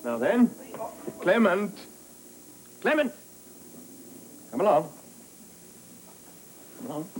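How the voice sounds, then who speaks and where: An actor playing a grown-up who coaxes children along and placates a relative in a period film. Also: male voice, high-pitched, very animated, takes it slowly, long pauses, a little hiss or hum, heavily acted, rough recording. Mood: coaxing.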